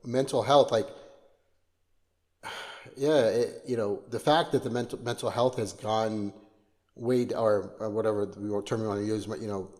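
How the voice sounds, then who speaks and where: A man co-hosts a podcast with a low, mellow voice. He talks haltingly and often restarts as he searches for the right word. His voice carries a long, hall-like reverb. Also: steady tone. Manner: halting, gropes for words with many restarts. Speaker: podcast co-host. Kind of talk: casual conversation.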